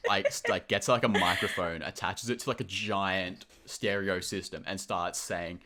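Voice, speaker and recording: A man's voice: low-pitched, fairly even intonation, normal speed, pushed and bright. A young man, co-hosting a casual podcast, agreeing a lot and stepping in to explain things for listeners. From Australia. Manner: agreeable, backchanneling, clarifying for listeners. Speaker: podcast co-host. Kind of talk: casual chat.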